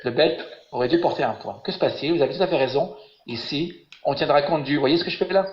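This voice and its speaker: A man's voice: a little high, fast, roomy sound, lo-fi sound. A man teaching a biblical Hebrew grammar lesson online, patient and encouraging, asking his students questions. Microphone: webinar call audio.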